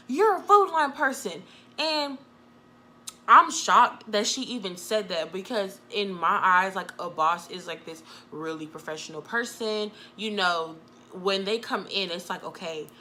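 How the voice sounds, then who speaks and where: A young woman with a bright, forceful voice tells a story in a loose, chatty way. She leans on "like" and slips into other people's voices as she goes. Faint hiss sits under her speech. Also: fairly low pitch. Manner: chatty, full of "like" fillers, quotes people vividly. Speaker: vlogger. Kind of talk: casual storytime.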